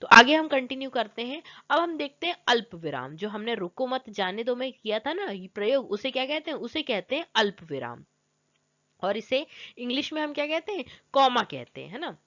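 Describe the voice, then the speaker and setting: A young woman teaching a grammar lesson. She asks the class questions and then answers them herself, and she reads example sentences slowly, stressing each pause. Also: fairly high pitch, sing-song, pushed and bright. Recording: dull lo-fi recording.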